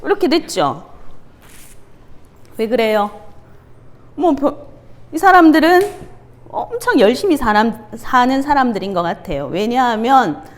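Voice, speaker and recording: A woman gives a children's sermon as a Sunday school teacher. Her voice sits high and leaps around expressively. She tells stories with animation and keeps firing questions at the kids. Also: a little slow, pauses often. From Gyeongsang region of South Korea. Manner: animated storytelling, quizzing the children.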